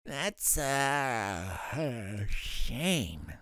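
A woman's voice: rumbling low, big pitch swings, drawn-out words, a bit bright, no room sound, clean studio sound, pitched below the performer's own voice, heavily acted. A woman voicing a bored, snooty snake who runs an exclusive club in a storybook. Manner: drawling, uninterested.

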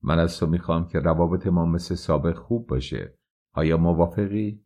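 A man's voice: low-pitched, warm tone, lo-fi sound. A man playing a stammering, lovesick count. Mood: pleading. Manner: stammering, pleading. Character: anxious nobleman, count, lovesick and pleading.

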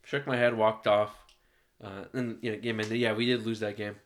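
A man hosting a podcast, telling a story in casual chat, animated and laughing, swearing often. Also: fairly low pitch, moderate pace. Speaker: podcast host. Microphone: podcast mic.

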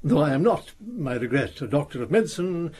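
An actor playing an elderly retired detective in a radio drama, precise and lofty, who lays out deductions with a chuckle. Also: male voice, on the high side, big pitch swings, a little fast, darkish tone. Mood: lecturing. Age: older. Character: elderly retired detective, brilliant, vain and untidy.

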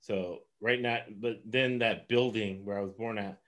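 A man's voice: on the low side, fairly even intonation, unhurried, a bit bright. A man from Los Angeles giving casual sports betting picks, rambling and laughing often.

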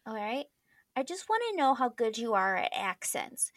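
A woman's voice: on the high side, very animated, normal speed, fairly bright tone, no room sound, clean studio sound. A young adult woman co-hosting a podcast in casual chat, playfully giving prompts and giggling. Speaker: podcast co-host.

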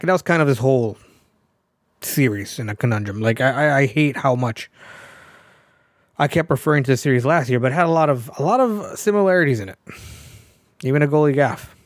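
A man with a mid-pitched voice hosts a casual sports recap. He speaks off the cuff, often repeating short phrases to drive a point home. The sound is dry, with very little room in it. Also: no room sound. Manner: emphatic repetition of phrases. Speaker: sports show host. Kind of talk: casual hockey recap commentary.

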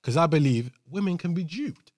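A man's voice: on the high side, animated, normal speed, a little mellow, no room sound, studio quality. A young man with an urban London accent, arguing his case casually among friends, repeating himself and checking that they follow. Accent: London, urban slang.

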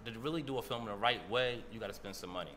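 A male guest from Roxbury, Boston, with a bright, forward voice that carries some edge. He talks loosely and casually, restarting phrases and scattering fillers through his answers. A faint ambience hangs behind him. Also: fairly low pitch, very fast, a little hiss or hum. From Roxbury, Boston, USA. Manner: loose, fillers like "you know", many restarts. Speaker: guest, entrepreneur. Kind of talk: casual interview chat.

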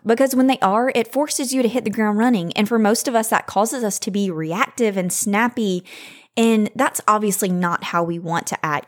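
A young woman hosting a solo advice podcast, talking conversationally in an upbeat, tidy, practical advice-vlogger manner. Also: mid-range voice. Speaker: podcast host and parent giving routine advice.

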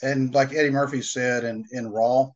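A man's voice: medium pitch, fairly even intonation, normal speed. Chatty man on dull lo-fi audio. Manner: chatty, many "you know" fillers, laughs easily. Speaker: podcast co-host. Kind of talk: casual chat.

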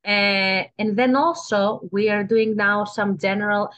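A trained actress with a Greek accent chats as a podcast guest, often restarting her sentences and frequently asking "you know?" Her mid-range voice is a bit bright, fairly even in intonation, and unhurried.

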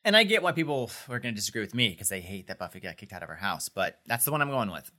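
A man co-hosting a podcast in casual chat, easygoing and low-key, with the hiccups. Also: big pitch swings, rapid-fire, pushed and bright. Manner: easygoing, low-key, reads show plugs. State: has the hiccups. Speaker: podcast co-host.

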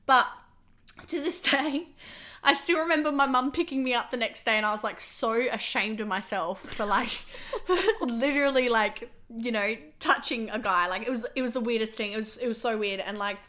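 A young woman hosting a podcast, her voice bright and sharp and set a touch high. She talks in a chatty, confessional way full of fillers, and her voice is a bit worn as she loses it. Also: brisk. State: losing her voice. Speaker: podcast host. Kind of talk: casual podcast chat.

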